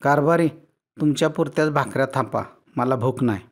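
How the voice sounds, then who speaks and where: Male reader doing a touchy, tearful village wife, higher plaintive rustic voice. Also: fairly quick, natural voice. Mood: sulky. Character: rural village wife, sulky, tearful, quick to take offense.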